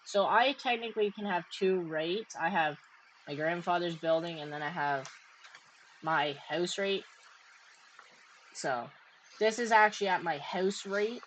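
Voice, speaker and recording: A woman's voice: lowish voice, measured pace, long pauses, a little hiss or hum, low-quality recording. A woman from Canada with a Canadian accent, hosting a casual chat and talking through her thoughts as she goes. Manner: chatty, laughs often, thinks aloud. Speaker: crypto mining streamer host.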